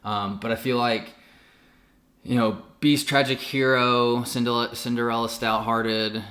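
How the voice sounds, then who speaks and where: A man's voice: medium pitch, little pitch movement, measured pace, bright, forceful tone. A man co-hosting a podcast, chatting casually with lots of fillers and restarts. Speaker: podcast co-host. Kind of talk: casual chat.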